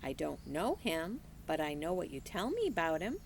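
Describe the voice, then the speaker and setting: A woman reading aloud as a wise, gentle old woman, speaking slowly in a soothing, folksy way. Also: deep voice, wildly swooping pitch, creaky, slight background noise, heavily acted, low-quality recording.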